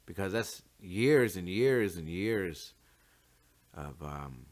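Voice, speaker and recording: Male talk host, low register, First Nations accent from Canada; off-the-cuff, halting, informal opinion delivery. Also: expressive. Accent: First Nations Canadian English. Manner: informal, halting, repeats words as he thinks aloud. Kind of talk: unscripted opinion monologue.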